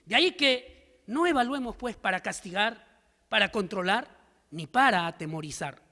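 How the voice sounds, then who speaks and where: A man's voice: high-pitched, expressive, normal speed, sharp tone. A man giving an emphatic seminar lecture to teachers, full of rhetorical questions and stories. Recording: long hall reverb.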